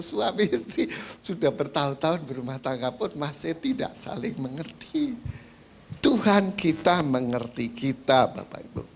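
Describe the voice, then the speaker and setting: A man preaching a sermon in a conversational way, speaking directly to the congregation with frequent filler words. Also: medium pitch. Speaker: pastor.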